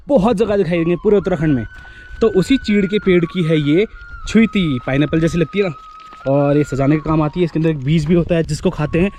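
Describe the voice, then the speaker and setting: A man's voice: a little high, mellow, a little hiss or hum. Chatty young man vlogging outdoors. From India. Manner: chatty, repeats phrases, addresses viewers as guys. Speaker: travel vlogger. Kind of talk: casual vlog narration while walking. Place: outdoors on a forest hillside.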